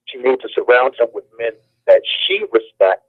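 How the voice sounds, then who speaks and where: A man's voice: medium pitch, animated, moderate pace, vocal fry, no echo. An earnest man giving advice on a radio show, telling a personal story and repeating phrases for emphasis, heard over a telephone. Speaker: guest on a call-in radio show. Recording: tinny phone-line sound, dry.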